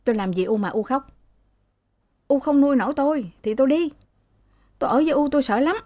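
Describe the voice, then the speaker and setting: A woman voicing a sulky, spoiled young man who threatens his mother, in a quick, whining audiobook reading. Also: high voice, mellow, dry recording, voice pushed up, close to an everyday voice. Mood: sulky, defiant.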